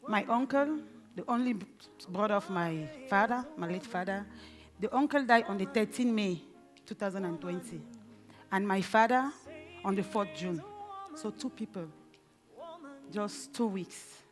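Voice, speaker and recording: A Cameroonian woman in her forties speaks from a conference stage in an earnest, deliberate way, often pausing in the middle of a phrase. Her voice sits at a medium pitch, and faint music plays behind her. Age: 40s. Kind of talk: conference speech.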